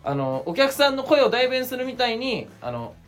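A young man co-hosting a casual comedy podcast, chatting in quick, animated banter with occasional shouts. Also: extremely high pitch, faint music behind. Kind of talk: casual chat.

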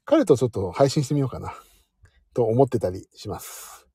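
Male streamer, lively self-mocking late-night chat, dark dry close sound. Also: medium pitch, moderate pace, creaky, breathy edge, no room sound. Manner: chatty, self-mocking, warm sign-off to listeners. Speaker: live audio stream host.

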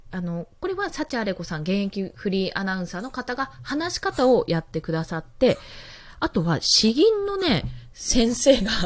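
A young woman with a lowish voice hosts a casual live stream, chatting and laughing often. She talks into a handheld mic that gets moved around, and there's no echo.

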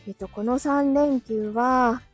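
A woman's voice: high voice, slow pace, breathy edge, faint music behind. A woman hosting a casual live audio stream, chatting, reading out listener comments and laughing often, with a dry throat.

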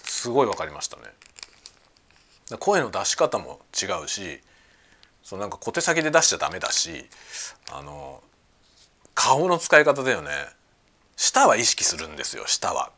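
A man hosting a casual podcast chat, talking excitedly at home while he cooks and eats lunch. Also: medium pitch, normal speed, vocal fry, long pauses. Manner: excited, talkative. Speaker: podcast host. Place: at home, cooking and eating lunch.

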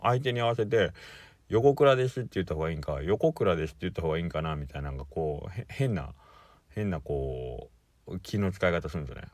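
Chatty low-voiced man with a Sanuki accent. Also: no room sound. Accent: Sanuki (Kagawa). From Kagawa, Japan. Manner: rambling, chatty, playful repetition of words. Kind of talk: casual solo podcast chat.

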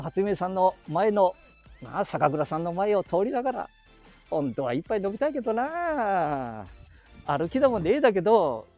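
Man in his 70s, nagoya dialect, lively rise and fall in his voice, rambling talk while out walking, faint music behind. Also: on the high side. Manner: chatty, talks to himself, frequent chuckles and asides. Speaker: podcast host. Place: walking outdoors and inside a bank ATM booth.

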